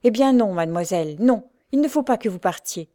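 A woman's voice: medium pitch, moderate pace, dark tone, no echo, studio quality, natural voice. A woman reading the part of a repentant young woman prisoner who speaks fervently and earnestly. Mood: firm. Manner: fervent, pleading.

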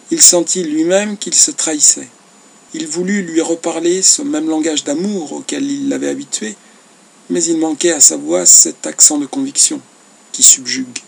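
A man narrating a classic novel as an audiobook in a measured, expressive reading. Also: a little high, creaky, slightly rough.

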